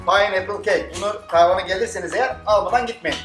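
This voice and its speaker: A man with a Thracian Turkish accent hosting a casual vlog, excited and chatty, laughing often. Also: high-pitched, quick pace, reverberant, faint music behind. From Turkey. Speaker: vlog host.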